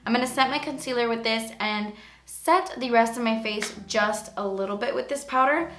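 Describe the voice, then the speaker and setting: A woman with a raspy voice today, casually talking through a makeup tutorial in a chatty way full of fillers. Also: a little high, moderate pace, a bit bright, reverberant. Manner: chatty, filler-heavy, frequent "like". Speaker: beauty vlogger.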